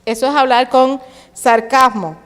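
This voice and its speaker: Caribbean lady pastor preaching, high voice, long reverb from the church hall. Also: fairly even intonation, measured pace, a bit bright. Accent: Caribbean Spanish. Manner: asks the congregation questions, drops into sarcastic quoted voices. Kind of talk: sermon.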